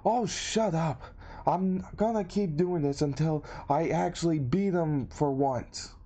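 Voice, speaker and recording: Man voicing a hot-tempered teen boy, yelling, stubborn, raised pitch. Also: slow. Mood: angry. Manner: yelling, angry.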